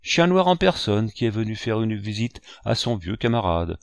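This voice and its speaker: Audiobook: sugary, mocking old pirate read by a man, sly and lively, dry close sound. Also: on the low side, moderate pace, dry recording. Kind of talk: audiobook character voice.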